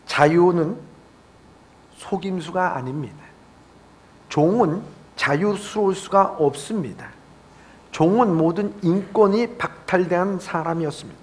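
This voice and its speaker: Male pastor, high-pitched and emphatic, delivering a sermon. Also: unhurried. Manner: emphatic, climbs high on stressed phrases.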